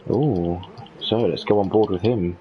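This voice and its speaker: Hesitant low-voiced co-commentator. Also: male voice, unhurried, slight background noise. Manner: hesitant, many ums and restarts. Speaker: co-commentator and league driver. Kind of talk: casual esports race commentary. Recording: dull lo-fi stream audio.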